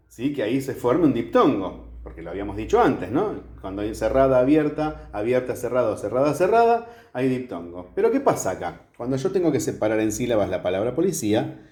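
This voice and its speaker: A man teaches a grammar lesson in a classroom, filmed by a camera across the room. His voice sits at a middle pitch but moves up and down with a lot of life. He explains each step patiently and keeps checking that the class is following. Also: darkish tone. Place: classroom with a whiteboard.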